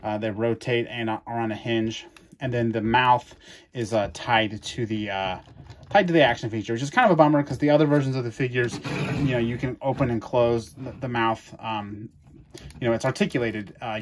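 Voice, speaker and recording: Man, casual toy review, enthusiastic, mid pitch, faint background noise. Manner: enthusiastic, chatty, many fillers and restarts.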